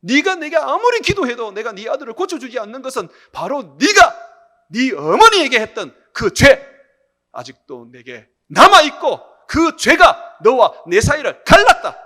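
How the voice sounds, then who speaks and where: A pastor putting on the booming voice of God. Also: male voice, huge pitch swings, moderate pace, bright, forceful tone, heavily acted. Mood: stern. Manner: rebuking, commanding.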